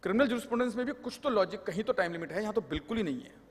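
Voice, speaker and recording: Male lecturer, high voice, wry and explanatory, live hall with long reverb. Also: lively intonation, very fast. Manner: joking, explanatory, mixes English terms. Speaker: tax law speaker.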